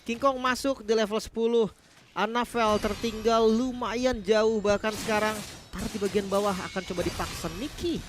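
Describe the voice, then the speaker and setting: An Indonesian-accented man giving live commentary as an esports shoutcaster. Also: sits high, steady tone, moderate pace, over music.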